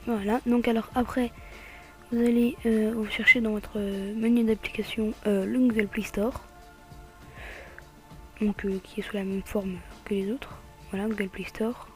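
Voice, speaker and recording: A woman with a French accent talks viewers through a tablet tutorial in a casual, hesitant way, often dropping to a half-whisper and filling pauses with "euh". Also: medium pitch, flat delivery, a bit bright, soft background music. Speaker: tutorial maker. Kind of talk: casual screen tutorial voice-over.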